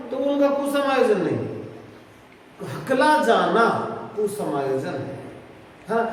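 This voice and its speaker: A man's voice: high voice, a little hiss or hum. Man lecturing in an echoey room. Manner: explains step by step with frequent rhetorical checks. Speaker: psychology teacher. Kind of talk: classroom lecture for exam prep. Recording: echoey room, distant mic, faint background.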